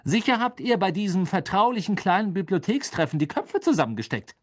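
An audiobook reader voicing an angry, jealous teenage boy wizard in a high, accusing voice. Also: big pitch swings, fairly quick. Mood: jealous anger. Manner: raised, accusing, sneering.

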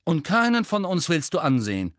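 A man voicing a blunt, fiery teenage girl who speaks forcefully. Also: on the high side, huge pitch swings, a little fast, no echo, clean studio sound, pitched above the performer's own voice.

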